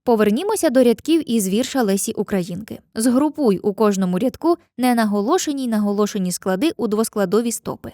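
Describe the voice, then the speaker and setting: A woman narrating a scripted literature lesson in a clear, measured way, reading lines of poetry slowly. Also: on the high side, animated, dark tone, no echo, clean studio sound.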